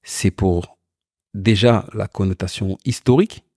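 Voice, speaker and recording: A Portuguese-born car company founder chats animatedly as a guest in a casual interview, often repeating words while searching for the right one. His voice is fairly low and warm, with a measured pace. The studio-quality recording has no echo.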